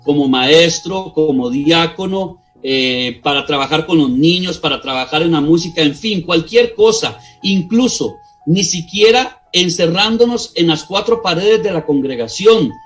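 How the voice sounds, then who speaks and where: A man's voice: fairly high pitch, measured pace, hardly any pauses. A middle-aged man with a Costa Rican accent preaching a sermon as pastor, earnest and addressing his listeners directly. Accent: Costa Rican Spanish. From Costa Rica. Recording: faint music behind the voice.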